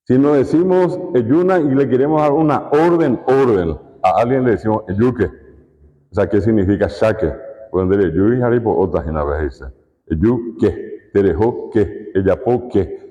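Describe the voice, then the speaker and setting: A man's voice: mid-range voice, lively intonation, moderate pace, warm tone. A man with a Paraguayan Spanish accent giving a conference lecture as a university lecturer, explaining with repeated examples and rhetorical questions. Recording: echoey hall, dull lo-fi sound.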